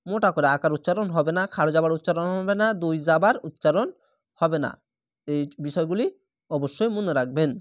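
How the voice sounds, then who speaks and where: A man with a Bangladeshi Bengali accent teaching Quran reading rules step by step, with slow drawn-out recited examples. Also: a little high, no echo, clean studio sound. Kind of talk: spelled-out Quran recitation lesson.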